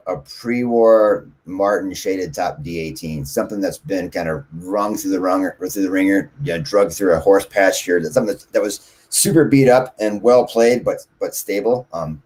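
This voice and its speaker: Low-voiced man telling rambling stories. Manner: rambling, animated storyteller. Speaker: guest musician. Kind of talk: casual interview answers.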